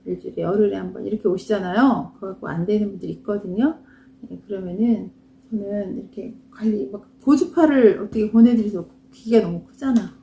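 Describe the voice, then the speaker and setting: A woman in her fifties gives a candid, anecdote-filled lecture to salon owners and pokes fun at herself as she goes. Her voice is dark and gravelly. The room behind her is echoey. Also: medium pitch. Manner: chatty, anecdotal, frank and self-mocking. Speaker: esthetics instructor.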